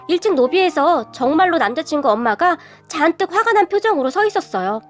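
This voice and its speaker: Young woman reading out her own story, high pitched, soft music under it. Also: big pitch swings, fairly quick. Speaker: narrator. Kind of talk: scripted first-person story narration. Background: faint music.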